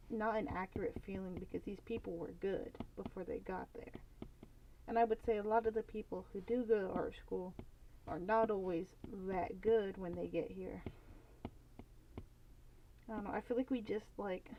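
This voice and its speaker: A young woman talks through her drawing on a live stream, rambling and thinking aloud with plenty of "like" and "um". Her voice sits at an ordinary middle pitch. The audio is a bit dull and lo-fi, with a faint hiss and soft clicks behind her. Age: young adult. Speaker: art streamer. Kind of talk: casual live-stream chat while drawing.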